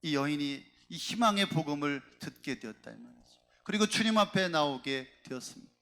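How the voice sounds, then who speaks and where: High-voiced man preaching a sermon. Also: animated, brisk, a bit bright. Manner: impassioned preaching with rhetorical questions to the congregation. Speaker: pastor.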